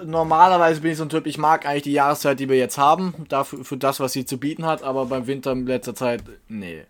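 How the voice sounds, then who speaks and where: A young man in playful, casual chat with friends, who blurts things out loudly. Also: medium pitch, steady tone, fast talker. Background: guitar playing.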